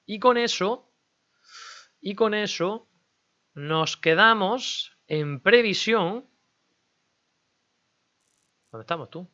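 A man's voice: high voice, drawn-out words, long pauses, bright, forceful tone, muffled recording. A man giving casual, chatty commentary as he plays a management game, talking to himself and his viewers. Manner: chatty, talks to himself and viewers while negotiating. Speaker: gaming YouTuber.

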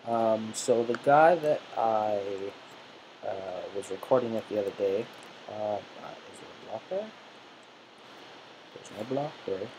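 A man's voice: on the low side, a little slow, pauses often. Nervous teen boy narrating his gameplay. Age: teens. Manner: nervous, jittery self-talk while playing. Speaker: gamer. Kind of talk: let's play commentary. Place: room in a family home. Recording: steady background hiss.

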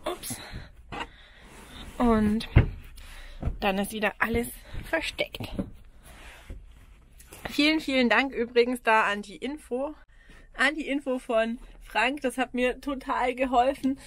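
Slow, with long pauses, this woman in her forties speaks in a slightly high, fairly bright voice with an Austrian German accent as she vlogs casually around a camper van outdoors. Frank and relaxed, with frequent ums and small laughs, she holds an action camera at arm's length; slight background noise is present.

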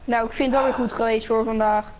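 A woman's voice: on the high side, steady tone, quick pace, highs cut off, a crowd in the background. A woman with a Dutch accent in a casual game role-play, rambling and playful. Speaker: role-play player voicing a duck brother.

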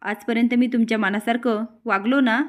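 A woman's voice: on the high side, steady tone, normal speed, close to an everyday voice. A woman reading the lines of an angry young man who pleads with and defies his family. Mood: indignant. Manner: pleading, indignant.

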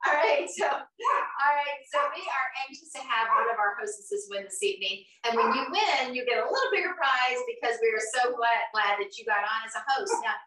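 A woman's voice: high voice, sharp tone. A woman in her fifties hosting a live cooking show from her home kitchen, chatty and encouraging. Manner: chatty, encouraging, laughs often. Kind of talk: upbeat live-stream chat. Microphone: far camera. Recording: roomy kitchen sound from far off.

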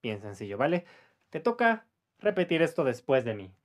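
Patient, lively-voiced man teaching pronunciation. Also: mid-range voice. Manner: patient, models words slowly for the listener to repeat; chuckles between explanations. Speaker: English teacher. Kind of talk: pronunciation lesson.

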